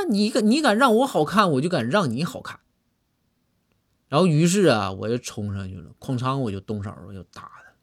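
A man voicing a talkative woman who rambles on to justify a street brawl. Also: a little high.

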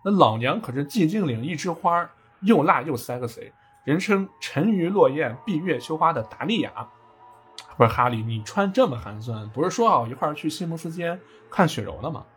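A man's voice: on the high side, animated, normal speed, slightly rough, soft background music, voice pushed up. A man putting on a sassy brash young woman. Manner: sassy, boastful teasing.

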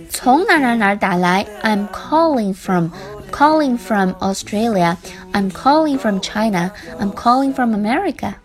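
A woman English teacher giving a spoken lesson, explaining phrases and repeating them slowly. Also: on the high side.

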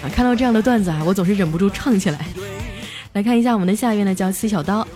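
A young adult woman hosting a comedy show, reading listener jokes aloud in a playful, lively way and chuckling at them. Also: racing. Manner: playful, chuckles at the jokes, jumps high for quoted voices. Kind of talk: lively comic joke reading. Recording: background music under the voice.

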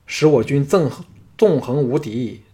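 A male audiobook reader voicing a young king who speaks in a composed, measured way and builds to forceful declarations. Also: medium pitch, natural voice. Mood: commanding.

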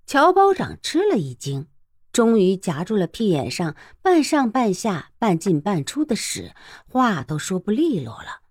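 A woman narrating a storybook novel in a lively, expressive way. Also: mid-range voice, measured pace, breathy edge, dry recording, clean studio sound. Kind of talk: audiobook storytelling.

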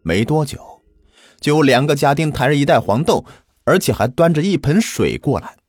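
A man hosting and narrating a folk ghost story in a lively, colloquial storyteller's style. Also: on the high side, moderate pace, husky, no room sound, clean studio sound. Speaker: host and storyteller.

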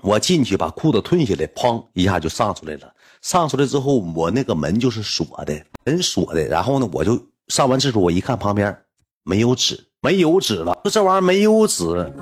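Northeastern chinese guy ranting through a funny story, lively up-and-down voice. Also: on the low side, fairly quick, husky. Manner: animated, rambling, indignant. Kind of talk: comic personal anecdote.

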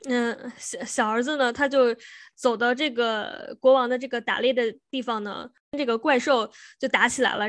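A woman's voice: a little high, fairly bright tone, no echo, clean studio sound. A woman co-hosting a podcast, casually retelling a fairy tale with frequent restarts and self-corrections. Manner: meandering, self-correcting, laughs often. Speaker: podcast co-host. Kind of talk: casual storytelling chat.

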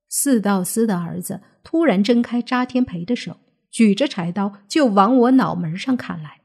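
A woman narrating a first-person novel with steady, tense storytelling. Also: medium pitch, husky. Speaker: audiobook narrator.

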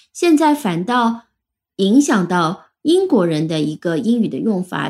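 A woman's voice: medium pitch, a little mellow. A woman, a native Chinese speaker, giving a casual weekly English lesson. She explains word meanings patiently and spells words out letter by letter. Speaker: English teacher. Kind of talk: casual Friday chat lesson.

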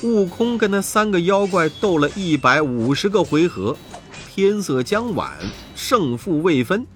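Slow, expressive male storyteller. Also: high voice, faint music behind. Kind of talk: children's story narration.

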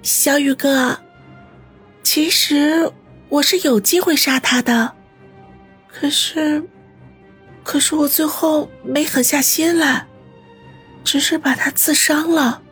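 A woman voicing a badly wounded young girl who talks in a weak, halting, breathy whisper. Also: high voice, steady tone, fairly bright tone, soft background music, heavily acted. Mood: weak, tender. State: dying, weak. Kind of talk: audiobook character voice.

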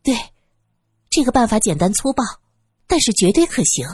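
A blunt young man in an audiobook who rattles off brusque, teasing remarks, with a woman narrator putting him on. The voice sounds slightly husky, dry and close, over faint background music. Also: on the high side, sing-song, darkish tone, dry recording, pitched above the performer's own voice. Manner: brusque, fast and offhand.

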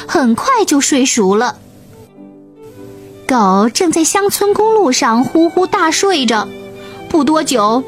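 A woman narrating a children's bedtime story, gentle, clear and expressive. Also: high-pitched. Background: soft music.

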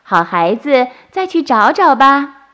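A patient mother soft-shell turtle from a storybook, explaining kindly in a raised, bright voice, as a woman narrator puts her on. She sounds gentle and encouraging. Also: high-pitched, very animated, slow, pitched above the performer's own voice, exaggerated voice.

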